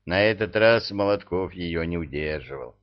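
A man narrating an audiobook in an expressive storytelling manner. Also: low voice, normal speed. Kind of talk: scripted narration. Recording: dull lo-fi audiobook recording.

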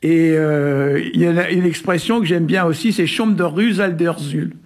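A man from Brittany explaining word meanings in a relaxed, hesitant way, full of little fillers and chuckles. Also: a little high, normal speed. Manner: hesitant, many "euh" and "hein" fillers, chuckles often. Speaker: Breton language expert on a radio show. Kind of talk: casual explanatory chat.

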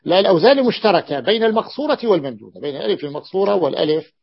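A man teaches a class, repeating word patterns and stopping often to ask the students whether they follow. His voice is gravelly and sits slightly high. The recording is muffled and lo-fi. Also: sing-song, very fast. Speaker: teacher explaining Arabic morphology. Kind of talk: classroom lesson.

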